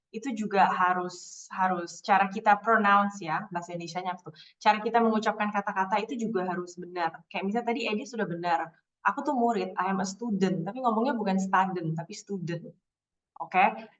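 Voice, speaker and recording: A woman teaching an English class in Indonesian, slowing down to model English phrases. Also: mid-range voice, a bit bright, far from the mic, dull audio.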